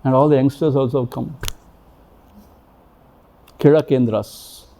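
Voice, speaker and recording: A man's voice: medium pitch, steady tone, takes it slowly, muffled recording, a little hiss or hum. A man giving a spiritual discourse, emphatic and repetitive, with many rhetorical questions. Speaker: spiritual teacher. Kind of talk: spiritual discourse to a retreat audience. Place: retreat hall before an audience.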